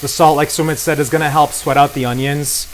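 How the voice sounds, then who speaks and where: Over the clear sizzle of a frying pan, a man who co-founded a beer brand talks as a guest cook at a cooking demonstration. He sounds casual, enthusiastic and promotional, with a slightly high voice and a level tone at a fairly quick pace.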